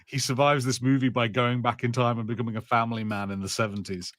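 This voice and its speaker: A man co-hosts a podcast, joking and swearing freely during a casual watch-party chat about films. His mid-range voice is a bit bright and level in tone, moving at a quick pace, with no room sound.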